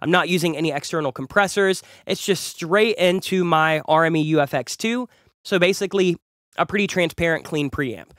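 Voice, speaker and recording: A young adult man, a music producer and YouTube host, chats through a casual gear review, enthusiastic and repeating words for emphasis. His voice sits on the high side with a fairly bright tone at a moderate pace, a bit nasal from a cold. He speaks close into a large studio condenser, with no room sound.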